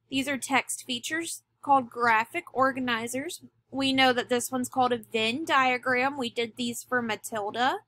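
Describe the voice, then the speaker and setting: Teacher lady reading a lesson slowly, leans on key words, dry close sound. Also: high-pitched, pushed and bright, no room sound. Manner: slow, deliberate, stresses key words. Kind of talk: recorded classroom lecture.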